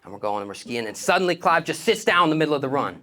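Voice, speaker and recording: A young stand-up comedian tells stories on stage before an audience, using casual slang and acting out the dialogue. His voice is on the high side and sharp, with big pitch swings and a very fast delivery.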